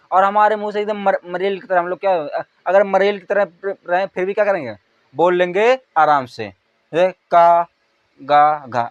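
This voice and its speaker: A man's voice: sits high, no room sound. A man teaching a lesson, drilling letter sounds aloud and asking and answering his own questions. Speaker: Hindi teacher. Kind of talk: exam-prep lesson. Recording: dull, lo-fi recording.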